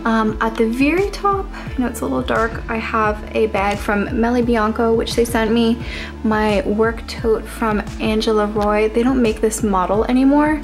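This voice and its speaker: Chatty young woman vlogging at home. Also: a little high. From Canada. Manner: chatty, with frequent ums and little laughs. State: out of breath. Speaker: lifestyle vlogger. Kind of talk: casual vlog narration. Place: home closet and bedroom.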